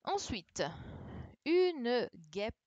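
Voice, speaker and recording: During a video-call lesson, a woman teaching primary school goes over a dictation, spelling letters patiently and making sure the children follow. Her voice is a little high, sing-song and darkish, delivered very slowly. The computer mic gives a dry, dull, lo-fi recording.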